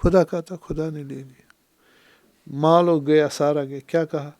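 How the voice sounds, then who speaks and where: A man with a Kashmiri accent giving a religious lecture as a scholar, who teaches by putting questions to his listeners and recites Arabic quotations slowly. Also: fairly high pitch, fairly even intonation, darkish tone, no room sound. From Pakistan. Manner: explains by asking the audience questions. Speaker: Islamic scholar.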